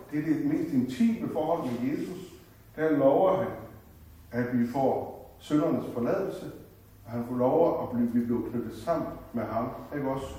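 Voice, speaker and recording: An older man speaks from across a very echoey church, his voice distant from the microphone. He gives an earnest personal talk about faith, heartfelt and meandering, often restarting his thoughts. His pitch sits in an ordinary middle range. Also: dark tone, slight background noise. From West Jutland, Denmark. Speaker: lay speaker at a church gathering.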